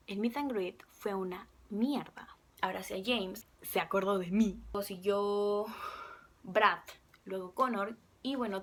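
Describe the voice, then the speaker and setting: Young woman vlogging about meeting her idols, excitable, drops into whispers now and then. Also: mid-range voice. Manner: chatty, excitable, slips into whispers. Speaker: fan vlogger. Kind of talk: casual storytelling vlog.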